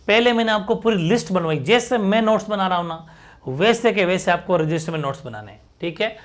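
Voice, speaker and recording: High voiced young guy, teaching exam prep, stresses and repeats stuff a lot. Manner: emphatic, repeats key words, drawn-out example phrases. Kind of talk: exam-prep lesson at a board.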